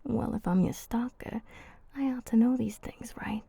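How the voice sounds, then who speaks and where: A woman with a voice on the high side plays a flirty, teasing female vampire in an ASMR roleplay. She stays fully in character, speaking softly, huskily and intimately, with a halting delivery. There is no echo.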